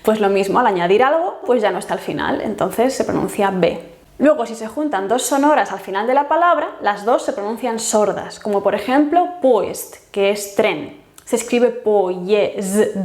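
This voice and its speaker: A woman teaching a language lesson, patiently explaining and slowly repeating each example word with care. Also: mid-range voice, darkish tone. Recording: roomy echo.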